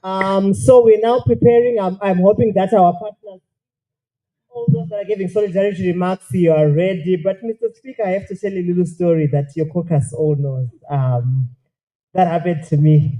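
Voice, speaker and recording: Acting as master of ceremonies at a formal event in a hotel function room, a man with a Zimbabwean accent tells humorous anecdotes in a playful, animated, informal style. His voice is fairly high, and the recording sounds muffled.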